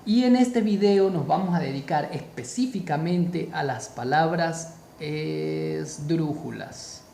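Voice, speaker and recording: Slow, deliberate man teaching grammar. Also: on the high side, expressive, creaky, dark tone, echoey room, a little hiss or hum. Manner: slow, deliberate, repeats key terms for emphasis. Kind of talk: spoken grammar lesson.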